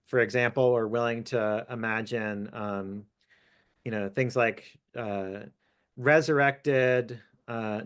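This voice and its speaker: Speaking at a lowish pitch with a fairly bright tone, a male author and guest speaker works through an academic talk. He sounds thoughtful but hesitant and leans on fillers often.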